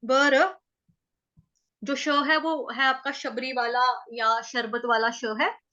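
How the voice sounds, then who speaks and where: Woman, Sanskrit chanting teacher; slow, syllable-by-syllable drills in a bright tone. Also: fairly high pitch, steady tone, dull audio. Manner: breaks words into syllables, repeats them slowly, chants verse lines drawn out. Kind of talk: syllable-by-syllable pronunciation lesson.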